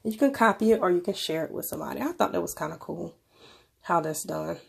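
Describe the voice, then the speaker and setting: A woman video presenter narrates a casual gadget review in an informal, conversational way, talking fast with lively intonation. She's sick with a cold and has a stuffy nose, and her low-leaning voice carries a lot of gravelly fry.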